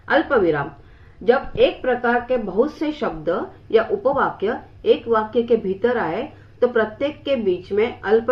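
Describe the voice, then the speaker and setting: A woman teaching a grammar lesson in a slow, measured way, pausing on examples. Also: on the high side, muffled recording.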